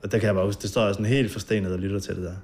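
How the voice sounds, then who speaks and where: A man's voice: lowish voice, fairly even intonation, darkish tone, a little hiss or hum. A man recounting a past night in a documentary interview, hesitant and full of fillers.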